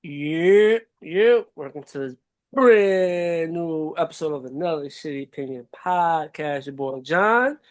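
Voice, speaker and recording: A man hosting a podcast, introducing the show and its topics in a laid-back, halting way. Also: a little high, lively intonation. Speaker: podcast host.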